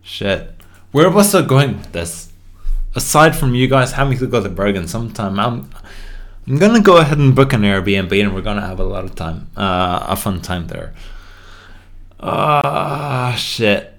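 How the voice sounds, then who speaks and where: A man from Norway's west coast chats casually on a live stream in a fairly low, very animated voice at a measured pace. He swears a lot and keeps losing his thread, rambling from one thing to the next.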